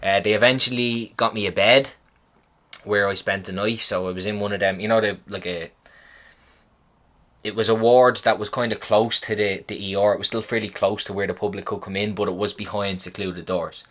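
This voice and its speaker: A man's voice: on the low side, fairly quick. A young man casually telling a story on his podcast, swearing freely and acting out what people said. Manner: profane, animated retelling of a hospital visit. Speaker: podcast host.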